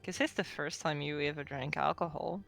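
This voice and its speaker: A woman's voice: sits low, fairly even intonation, moderate pace, creaky, fairly bright tone. A woman narrating a tabletop role-playing game as game master, in a chatty and hesitant way with many fillers.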